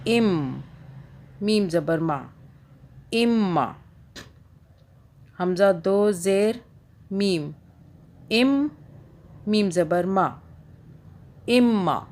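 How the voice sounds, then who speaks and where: A woman teaching Quran reading, patiently spelling out and repeating syllables in a slow lesson. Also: medium pitch, darkish tone, a little hiss or hum. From Pakistan.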